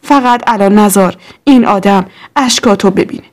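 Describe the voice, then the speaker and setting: A woman's voice: mid-range voice, close to an everyday voice. A woman reading the lines of an earnest, firm young fiancé in a storybook. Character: protective young man, steady fiancé.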